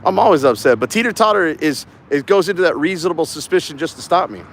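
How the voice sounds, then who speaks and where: A man's voice: a little high, expressive, slight background noise. A man in his fifties from Southern California, hosting a casual livestream chat in a blunt, joking way. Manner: blunt, quick-talking, joking. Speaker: host.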